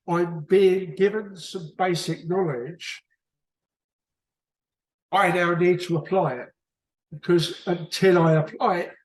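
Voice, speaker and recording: A British man chats casually in a book club discussion, rambling and frequently restarting his sentences. His voice is fairly high-pitched with a darkish tone, captured in an echoey room on a rough recording.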